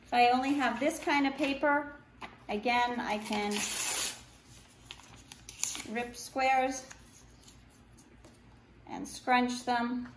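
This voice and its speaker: At a wooden table in an indoor room, a middle-aged woman demonstrating a craft as an art teacher guides children through it one step at a time, her phrases short, simple and unhurried as her hands stay busy. Her pitch is fairly high and her tone steady. A camera a couple of meters away records roomy echo with faint background noise.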